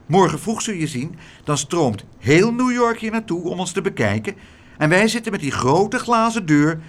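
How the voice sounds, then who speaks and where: A prim, indignant spinster scolds in a high, shrill voice, climbing far above the reader's own range. Her words come clipped and reproachful, as in a storybook read aloud, with a man putting her on. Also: sing-song, moderate pace. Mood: fussy.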